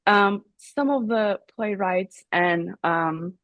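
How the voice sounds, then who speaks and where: Speaking slowly in a mid-range voice, a woman professor from Turkey responds to academic interview questions with care, her answers full of fillers and restarts; Turkish is her first language. The audio is lo-fi but free of echo.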